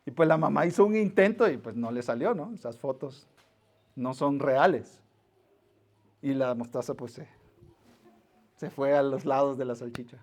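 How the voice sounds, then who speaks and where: Animated pastor preaching. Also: male voice, medium pitch, moderate pace, long pauses. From Mexico. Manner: animated storyteller, acts out voices, drops to near-whisper for emphasis. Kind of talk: sermon.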